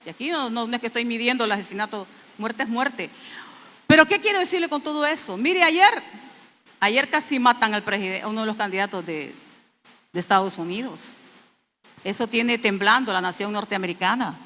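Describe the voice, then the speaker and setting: High bright-voiced woman preaching in a church. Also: animated, normal speed. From Mexico. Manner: emphatic, repeats phrases for stress, swings between soft and loud. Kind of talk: sermon. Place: church sanctuary. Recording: long hall reverb from a church.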